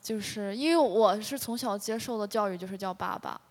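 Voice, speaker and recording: Woman from northern shaanxi, mid pitch, talking a bit hesitantly in an echoey hall. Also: a little fast. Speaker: congregation member.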